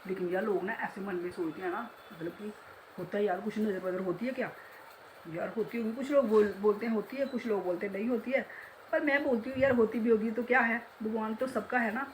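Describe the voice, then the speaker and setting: A chatty middle-aged woman talks to her viewers from home, rambling easily and laughing at herself. Her voice sits at an ordinary pitch, with a faint hiss of background noise under it. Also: fairly even intonation, brisk, low-quality recording. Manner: chatty, laughs often, self-mocking. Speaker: vlogger, beauty salon owner. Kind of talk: casual home vlog chat.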